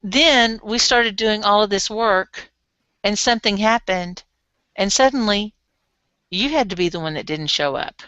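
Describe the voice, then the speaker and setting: A woman coaching a client in a lively, frank way, laughing easily as she talks. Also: mid-range voice, measured pace, clean tone, dry recording, lo-fi sound. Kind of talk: coaching session.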